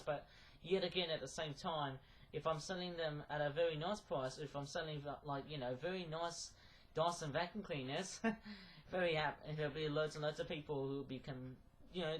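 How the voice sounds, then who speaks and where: A man's voice: fairly high pitch, low-quality recording. A man chatting casually in a rambling vlog, hesitating and repeating himself as he goes. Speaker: YouTube vlogger.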